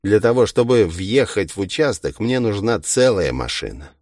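A man's voice: lowish voice, sing-song, moderate pace, darkish tone, dry recording, clean studio sound. A man voicing a gleeful, mocking murderous villain in a taunting, singsong manner. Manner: taunting, singsong, cruelly playful.

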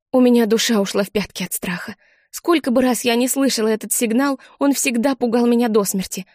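Sex: woman. Role: audiobook reader. Style: first-person narration, measured. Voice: fairly high. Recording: dry studio. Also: darkish tone, no room sound.

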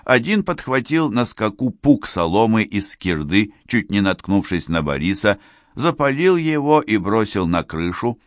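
Male audiobook narrator, low voice, slow unhurried read, dry close mic. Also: no room sound. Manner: measured, steady storytelling.

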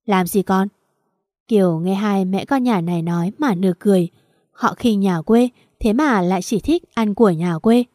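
A woman's voice: medium pitch, mellow, no room sound, studio quality. A woman reading a story aloud as an audiobook narrator, voicing each character with small shifts.

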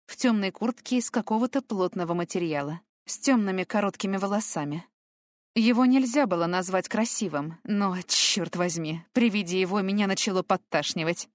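A woman's voice: medium pitch, dry recording, clean studio sound. A woman reading a novel aloud in first person, telling it in a tense, emotional way. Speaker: audiobook reader. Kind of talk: scripted first-person narration.

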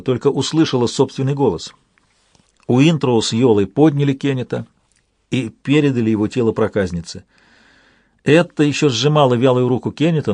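A man reading a fantasy audiobook in steady scripted narration. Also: medium pitch, no echo.

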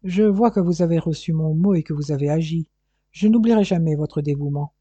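A man's voice: a little high, dark tone, no echo, natural voice. A man voicing a scheming male bandit who sneers and gives orders in a hurry, on a dull, dry recording. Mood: effusive. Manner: sneering, commanding, hurried.

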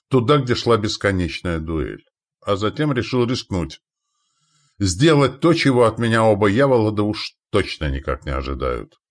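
A man narrates a first-person audiobook in a measured, wry voice. His pitch sits on the low side. The reading is steady and even.

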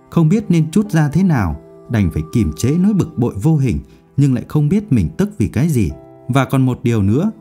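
A man narrating a novel audiobook in an expressive, measured reading. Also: medium pitch, breathy edge.

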